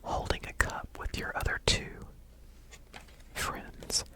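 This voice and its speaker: An ASMR host speaking in a soft whisper, halting and unhurried, as if sharing things casually with viewers.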